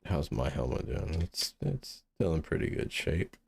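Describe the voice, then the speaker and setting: Sleepy very deep-voiced man thinking aloud. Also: big pitch swings, a little slow, creaky, husky. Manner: mellow, musing, thinks aloud with restarts. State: sleepy, yawning. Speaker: gaming channel host. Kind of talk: relaxed gameplay commentary.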